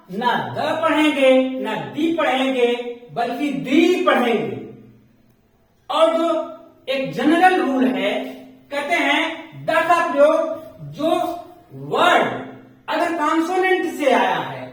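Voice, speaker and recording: Male grammar teacher, slow high voice, drills words over and over, far mic, big echo. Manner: slow and repetitive, drilling pronunciations. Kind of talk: classroom grammar lesson. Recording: very echoey room, mic far off.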